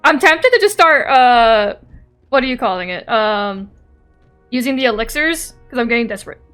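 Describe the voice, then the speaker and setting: A woman with a slightly high, expressive voice, fairly bright and clean in tone, chats at a moderate pace during a gaming livestream. Giggly and playful, she reads and answers her chat over game music.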